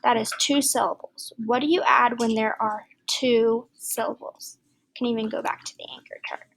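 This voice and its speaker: A woman teacher giving a recorded grammar lesson, explaining patiently with soft asides and fillers. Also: fairly high pitch, steady tone, moderate pace, vocal fry, a little hiss or hum, low-quality recording.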